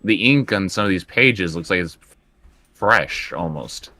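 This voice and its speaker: A man improvises in character during a tabletop roleplaying game, his low voice bright, animated and forceful, yet unhurried. He speaks conversationally but hesitantly, often repeating words.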